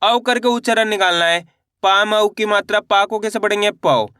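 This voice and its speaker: A young man teaching reading step by step, patiently asking questions and answering them himself, sounding out each letter slowly before saying the whole word. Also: sits high, pushed and bright, smooth, dry recording, studio quality. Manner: patient, repetitive, asks and answers own questions.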